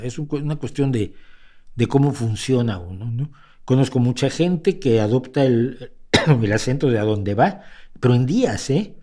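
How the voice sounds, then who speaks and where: Older Mexican male host, warm mellow tone, wry conversational delivery. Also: medium pitch. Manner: conversational, wry, many restarts and rhetorical asides. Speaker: host answering viewer questions. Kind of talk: casual talk show monologue.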